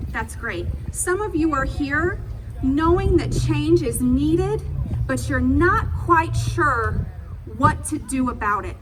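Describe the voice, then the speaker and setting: A middle-aged woman addresses a rally in a high voice. Her delivery is earnest and emphatic, with deliberate, repeated phrases in a semi-improvised speech. The microphone sounds distant, with clear noise around her. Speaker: speaker at a protest rally. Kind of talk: impassioned public speech, partly off the cuff. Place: public rally, speaking to a gathered crowd. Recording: distant mic, noisy outdoor rally sound.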